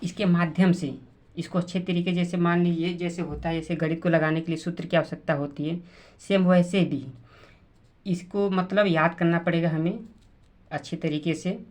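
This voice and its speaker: A woman teacher, explaining spelling slowly, repeating words and sounding out letters. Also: on the low side, fairly even intonation, a little mellow. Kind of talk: slow classroom explanation.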